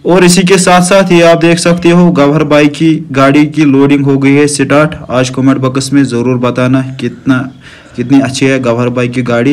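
This young adult man from Kashmir has a mid-range voice and a Kashmiri accent. He's a friendly trucker vlogger who holds his phone camera at arm's length to show and explain his truck to viewers, giving a casual walkthrough outdoors beside parked trucks and inside the cab.

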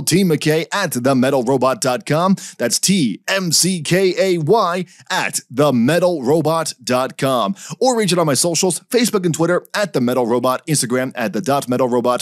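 A man hosting a metal music podcast, talking in an energetic, jokey and profane way as he reviews albums. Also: no echo, clean studio sound. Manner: animated, jokey, profane, swings pitch up for emphasis. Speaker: podcast host.

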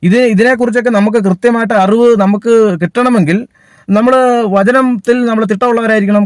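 A man preaches in a high, lifted voice, recorded close and dry with no room sound. He stops often, fills gaps and restarts his sentences as he works through his point. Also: no echo. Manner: halting, many fillers and restarts. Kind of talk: sermon.

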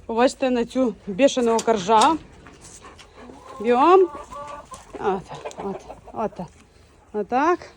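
A woman from Ukraine, a dog breeder, chatting casually outdoors in a village yard and shouting her dogs' names between laughs. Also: a little high, expressive, slow pace, pauses often, slight background noise. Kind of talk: casual vlog commentary.

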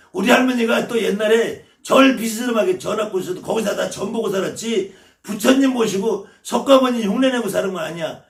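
Blunt cursing shaman guy lecturing, sounds far off in an echoey room. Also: high-pitched. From Chungcheong, South Korea. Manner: blunt, scolding, swears freely. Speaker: shaman teacher. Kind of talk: lecture to viewers.

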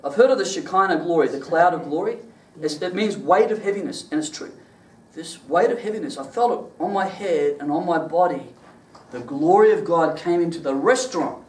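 A man preaching a sermon and telling his own testimony, animated and laughing through his stories. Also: a little high, fairly quick. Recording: echoey room, mic at a distance.

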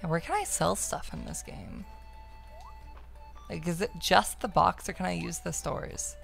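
Reading dialogue aloud as she plays, a game streamer keeps up a playful, irreverent, casual running commentary. She has a fairly low, creaky voice that's expressive and measured in pace, and faint music can be heard in the background.

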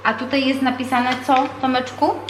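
A woman teaching her young son to read at home, explaining calmly and patiently with frequent hesitations. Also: sits high, normal speed. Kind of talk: home reading lesson vlog. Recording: echoey room with faint noise.

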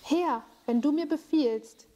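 A woman's voice: high voice, takes it slowly, warm tone, highs cut off, voice pushed up. A woman reading the lines of Peter, a bold but frightened disciple, slightly raised for children.

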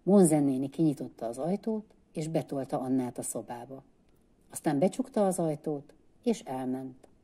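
Woman librarian reading a children's book aloud. Low pitch, very warm dark tone, measured. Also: expressive. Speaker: librarian reader.

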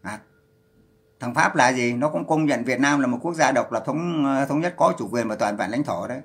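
A man's voice: mid-range voice, moderate pace. A man ranting on a livestream, scolding and cursing in a heated voice. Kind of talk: angry livestream rant.

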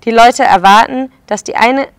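A woman's voice: a little high, moderate pace, smooth, dry recording, lightly acted. A woman voicing a commanding, middle-aged male circus director in a read-aloud storybook.

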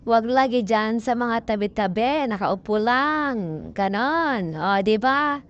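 Slow and animated, a woman with a fairly high voice chats playfully to her viewers as friends while hiking a mountain peak and filming on a handheld phone. This vlogger is bubbly throughout, but the audio is muffled.

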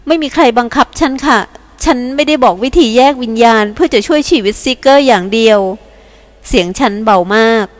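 Woman doing a tearful gentle alien girl, soft sobby pleading, higher voice, audiobook. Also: lively intonation, fairly quick, long reverb tail. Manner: soft, sobbing pleas.

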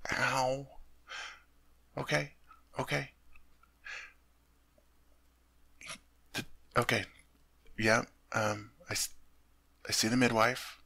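An ASMR roleplay performer voices a doting young king, his medium-pitched, exaggerated voice gravelly and husky with a bright, tense edge. When flustered he stammers and repeats himself, then eases into soft, tender whispers.

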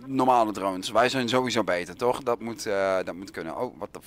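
A man's voice: lowish voice, fairly quick. A man with a Netherlands Dutch accent hosting a let's play, joking around and dropping English phrases and swearwords. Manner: playful, jokey, sprinkles in English phrases and swearing. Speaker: gaming channel host.

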